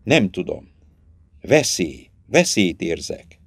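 A man voicing a talking bull that senses danger, speaking low, hushed and foreboding. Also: very animated, gravelly, breathy edge, dry recording, studio quality, heavily acted. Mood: uneasy.

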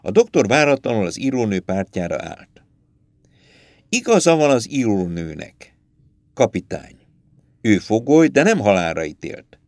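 A man reading a science fiction story aloud as an audiobook narrator, shifting his pitch to voice several characters. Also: very animated, long pauses, a little mellow, no echo.

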